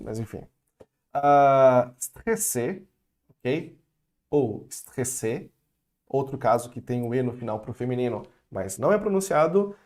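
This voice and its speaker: Chatty Brazilian man teaching vocabulary. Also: mid-range voice. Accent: Brazilian Portuguese. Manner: chatty, lively, stretches out words for learners to repeat. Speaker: French teacher. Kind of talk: relaxed video lesson.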